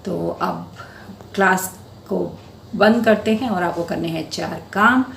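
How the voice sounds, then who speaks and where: A woman's voice: on the low side, slow, gravelly, fairly bright tone, roomy sound, slight background noise. A woman teacher patiently explaining a school Hindi lesson to children, step by step. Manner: addresses students affectionately as beta.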